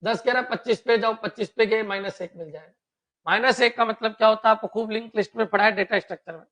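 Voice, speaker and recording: A male computer teacher giving a classroom lecture, often asking his students if it is clear. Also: sits high, fast, pushed and bright, poor audio. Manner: keeps checking students with "clear?".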